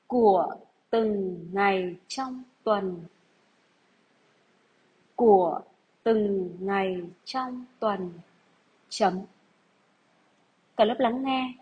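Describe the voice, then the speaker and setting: Woman teacher reading out dictation for little kids, slow n careful, slightly high husky voice. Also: dull audio. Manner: deliberate, measured, repeats phrases. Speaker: primary school teacher. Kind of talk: slow dictation lesson for young pupils.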